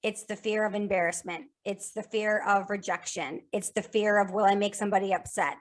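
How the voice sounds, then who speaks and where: A female podcast guest covers sales energetically and casually, speaking fairly quickly in a mid-range voice. Restarts come often, and she repeats phrases as she lists things.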